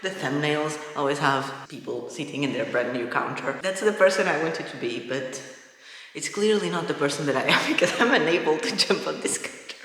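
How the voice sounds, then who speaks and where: An excitable woman from Portugal, a native Portuguese speaker, chatting casually in a rambling vlog update, with big hall-like echo from an empty house. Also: low-pitched, fairly quick, a little hiss or hum. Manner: excitable, rambling, self-interrupting. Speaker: vlogger. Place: empty newly built house, indoors. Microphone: microphone with a fuzzy windscreen.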